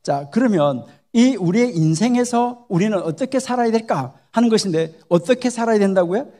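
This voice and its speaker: Guy with a high voice teaching bible stuff at a church, keeps asking the crowd questions. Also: expressive, fairly quick, warm tone. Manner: poses rhetorical questions to the audience; acts out short dialogues in the talk. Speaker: Bible lecturer. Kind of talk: church conference lecture. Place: church hall.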